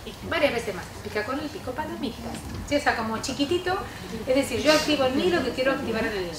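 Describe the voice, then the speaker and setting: A woman's voice: high voice, lively intonation, quick pace, crowd noise. A woman giving a workshop talk, explaining in an instructive way and checking in with her listeners with short question tags. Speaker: speaker giving a talk on how adults speak to children. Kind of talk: workshop lecture with spoken demonstrations. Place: lecture room with a live audience. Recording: echoey room, voice far from mic, background noise.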